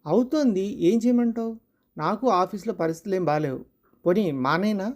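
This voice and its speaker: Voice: mid-range voice, a little fast, a little mellow, natural voice. A storyteller voicing a middle-class working wife and mother who is irritable and sarcastic, read in a storybook style. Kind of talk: storytelling dialogue.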